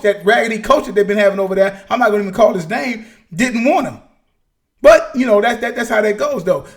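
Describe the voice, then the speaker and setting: A man with a fairly high voice hosts a loose sports talk show. He rants in an animated way, restarting his words and using folksy slang. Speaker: podcast host. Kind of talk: casual sports rant.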